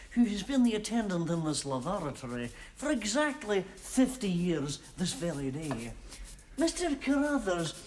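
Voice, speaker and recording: An actor playing a stiff, mock-formal TV street reporter with an odd put-on accent, interviewing a guest. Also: male voice, sits high, a little mellow. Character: pompous male TV street reporter.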